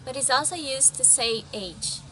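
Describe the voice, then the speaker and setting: A woman's voice: sits high, measured pace, bright, forceful tone. A woman, explaining verbs with examples as a language teacher. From Brazil. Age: 20s. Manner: friendly, explanatory, gives examples.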